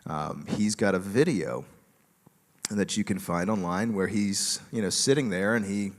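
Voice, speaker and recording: A man giving a relaxed conference talk with a joking tone and many fillers, speaking in a large auditorium. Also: lowish voice, measured pace, in a large hall.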